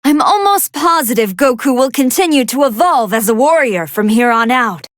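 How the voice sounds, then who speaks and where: A woman playing a polite, excitable young android scientist who fights a hidden hunger, giving earnest, articulate commentary in an anime fighting game. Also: sits high, moderate pace, no echo, clean studio sound. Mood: curious, analytical. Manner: articulate, earnest, formal scholarly phrasing.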